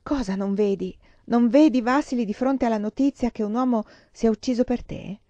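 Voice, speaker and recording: A woman reading aloud, voicing an excitable, scheming young woman friend in a novel. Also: fairly high pitch, a little fast, dry recording, lo-fi sound, natural voice. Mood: insistent. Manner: eager, insistent, persuasive.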